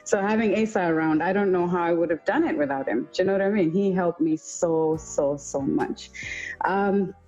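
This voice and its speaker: A woman's voice: fairly low pitch, moderate pace, darkish tone, soft background music. Chatty woman on a muffled livestream. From Pakistan and England. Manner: chatty, keeps saying "do you know what I mean". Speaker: interview guest, homeschooling mum. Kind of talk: casual conversation on a livestream.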